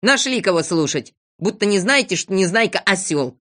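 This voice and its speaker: A woman voicing a clever, calm little boy from a storybook, composed and reasoning. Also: medium pitch, moderate pace.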